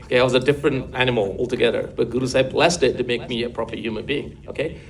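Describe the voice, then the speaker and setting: Older man, fast-paced religious teacher, coaxing, asks the room questions. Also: mid-range voice, steady tone. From England. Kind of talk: classroom religious talk.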